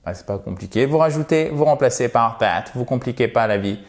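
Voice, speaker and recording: A French-speaking man teaching English in a video lesson, lively, saying English sentences slowly and clearly. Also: mid-range voice.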